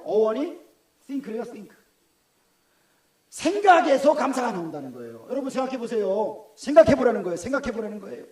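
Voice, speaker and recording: A man's voice: extremely high pitch, a little mellow. A middle-aged man with a Gyeongsang Korean accent, preaching a sermon in a conversational way and asking the congregation questions. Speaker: pastor. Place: church hall. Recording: echoey church room.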